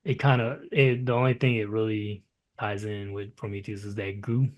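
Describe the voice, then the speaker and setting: Low-voiced man in casual, profane movie chat. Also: flat delivery, moderate pace, muffled recording. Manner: loose and profane, trails off into quiet asides. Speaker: movie reviewer.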